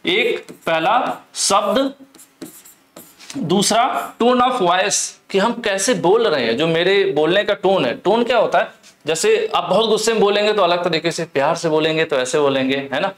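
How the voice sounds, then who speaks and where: A young man teaching an exam-prep lesson, explaining slowly, repeating key words and reading English questions aloud. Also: high-pitched, a bit bright. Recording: echoey room.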